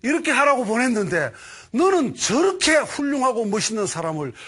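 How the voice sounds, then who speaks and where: A man's voice: big pitch swings, fairly quick, fairly bright tone, breathy edge, full character voice. A man voicing God as a thundering deity who rebukes sharply. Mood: rebuking. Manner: booming, scolding.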